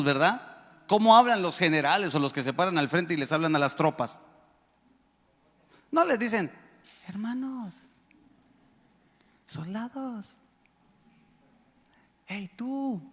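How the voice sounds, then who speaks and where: A man whose voice is on the high side preaches as pastor in a large church hall, speaking with a Mexican Spanish accent. His sermon is emphatic, and he calls out to the congregation and cracks jokes with them.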